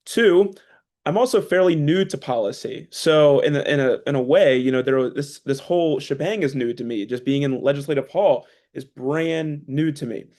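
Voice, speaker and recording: A man's voice: on the high side, normal speed, darkish tone. A young man in his twenties from a policy group, telling a casual, self-deprecating story of his first testimony. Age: 20s. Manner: chatty, self-deprecating, many fillers and restarts. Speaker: policy staff speaker. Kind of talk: casual personal account.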